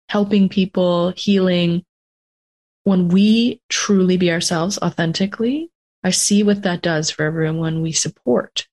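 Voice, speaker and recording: A woman's voice: fairly low pitch, darkish tone. A woman from North America who hosts a casual interview podcast and thinks aloud in long, reflective sentences. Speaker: podcast host.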